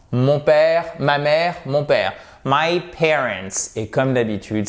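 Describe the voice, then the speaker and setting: Male English teacher from France, very slow deliberate delivery, drills words with friendly asides. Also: medium pitch. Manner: slow, drawn-out pronunciation drills, chatty asides. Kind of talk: language lesson to camera.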